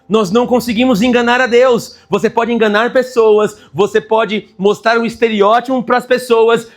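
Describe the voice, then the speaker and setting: A man with a high voice preaching a Sunday sermon. He leans hard on his phrases, slowing down to stress key words. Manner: emphatic preaching with many slow stressed phrases. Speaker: pastor.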